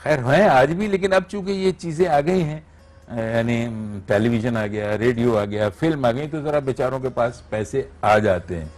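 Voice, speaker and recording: A man's voice: mid-range voice, moderate pace, a little mellow, faint music behind. A man, a radio voice artist, explaining his craft step by step as a guest on a TV morning show and checking that he is understood. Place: TV studio.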